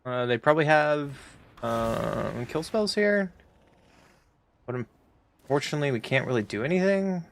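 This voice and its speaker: Young male streamer, gravelly, casual profane banter while playing. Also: on the high side, moderate pace, pauses often. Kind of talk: casual gaming stream chat.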